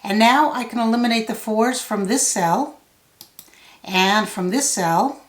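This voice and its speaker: Slow-paced woman thinking out loud, roomy sound. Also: a little high. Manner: thinking out loud step by step, measured. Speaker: puzzle tutor. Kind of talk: solve-along tutorial, thinking out loud.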